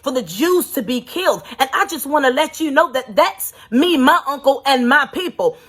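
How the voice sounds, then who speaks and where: A woman's voice: high-pitched, lively intonation, moderate pace, a bit bright. Woman as an earnest, confiding young queen. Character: brave young queen pleading her people's case.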